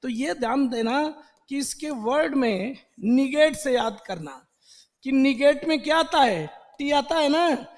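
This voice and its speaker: An Indian man teaching an online exam-prep lesson, breaking words into slow drawn-out syllables and repeating them. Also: very high-pitched, lively intonation, in a large hall. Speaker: English teacher.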